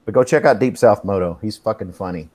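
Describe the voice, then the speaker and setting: Hosting a relaxed live stream chat, a man from Texas in his fifties rambles, curses and keeps losing his place. He talks fast in a lowish, slightly mellow voice.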